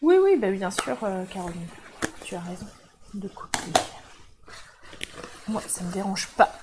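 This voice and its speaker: A woman with a French accent hosts a casual live crafting demo for her channel, speaking at a measured pace in a mid-range voice with lively intonation. She chats warmly with viewers in asides and laughs often. The camera mic picks up background noise.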